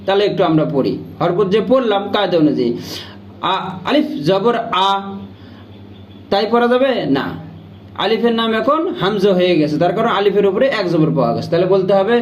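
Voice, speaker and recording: A man teaching Quran reading, drilling letters and vowel marks slowly and chanting the rules in a sing-song way. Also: high-pitched, animated. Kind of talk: slow step-by-step recitation lesson. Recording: echoey, dull lo-fi room with faint noise.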